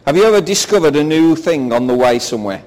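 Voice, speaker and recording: A man's voice: a little high, sing-song, very slow, darkish tone. A man with an English accent preaching a sermon in short phrases for an interpreter, telling a humorous, self-mocking story. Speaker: pastor. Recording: hall reverb.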